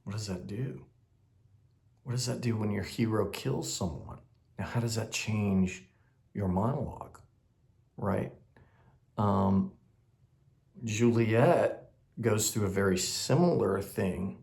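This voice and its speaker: A man coaching actors on auditions, speaking slowly with a low, gravelly voice. He talks loosely and conversationally, checking in with tag questions between thoughts. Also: darkish tone. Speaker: acting coach. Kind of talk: teaching audition technique.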